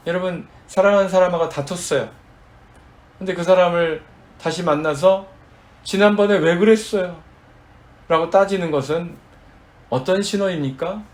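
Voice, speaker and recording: A man's voice: on the high side, a little mellow. A man preaching a sermon as pastor, addressing the congregation and acting out dramatic quoted prayers.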